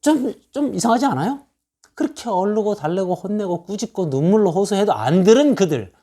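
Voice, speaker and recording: A man's voice: high-pitched, animated, brisk, warm tone. A man preaching a sermon as pastor, reading scripture verses and pressing his point with rhetorical questions and repeated lists. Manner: quotes scripture verses aloud. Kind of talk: expository sermon.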